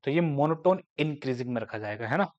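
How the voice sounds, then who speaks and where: A man giving a math lecture, explaining step by step and slowing down to dictate definitions. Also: mid-range voice, animated, darkish tone, dull audio. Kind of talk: classroom lecture.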